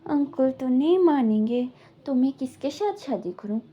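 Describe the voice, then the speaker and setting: A woman's voice: high-pitched, lively intonation, measured pace, lo-fi sound. A woman voicing a small boy who pleads in a childish, whining way. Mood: pleading.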